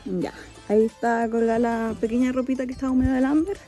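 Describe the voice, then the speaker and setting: With faint music behind her, a vlogger in her 20s casually narrates her daily chores in a small indoor home, her phone at arm's length. She talks fast in a warm, slightly high voice with a level tone.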